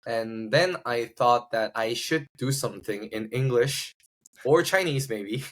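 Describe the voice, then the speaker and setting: This podcast guest is a startup founder from South Korea who tells his story in a relaxed interview, often stopping to search for words. His Korean-accented voice is medium in pitch, a bit bright, and a little slow.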